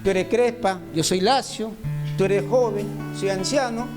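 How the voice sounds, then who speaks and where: A man's voice: high-pitched, measured pace, music in the background. A man preaching a sermon, speaking straight to his listeners and driving points home through repetition. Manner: repetitive emphatic phrasing, speaks directly to listeners. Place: church meeting room.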